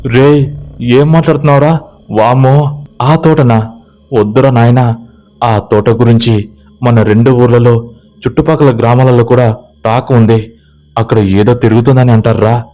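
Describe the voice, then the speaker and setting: A man's voice: mid-range voice, brisk, mellow, natural voice. A man voicing a playful young village woman in a spoken ghost story. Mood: alarmed. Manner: playful, scolding and coaxing.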